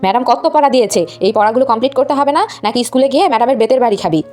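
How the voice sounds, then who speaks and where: Woman playing a strict mother, scolding, quick-talking, higher pitch, puppet storybook. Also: darkish tone, faint music behind, natural voice. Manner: scolding, stern questioning.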